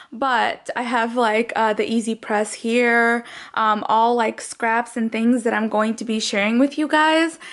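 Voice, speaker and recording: A young woman vlogger narrating her cleaning day in a chatty, gushing voice-over, full of "like"s. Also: on the high side. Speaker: lifestyle vlogger.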